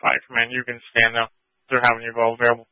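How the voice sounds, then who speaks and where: A man's voice: medium pitch, completely flat delivery, fast, clear, resonant tone, no echo. A man dispatching over a two-way police-style radio in clipped, terse call-outs. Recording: muffled, dry radio audio.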